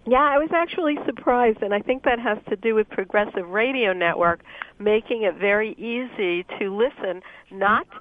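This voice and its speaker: A woman hosting a radio interview, guiding her guest with gentle questions. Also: medium pitch, moderate pace, slight background noise. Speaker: radio show host. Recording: tinny phone-like radio sound.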